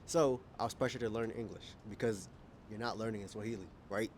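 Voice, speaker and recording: Talking a little fast in a fairly low voice, this young vlogger from Kenya, who has an American accent, chats to camera on a rooftop outdoors over slight background noise. His delivery wanders, he keeps correcting himself, and he laughs a lot.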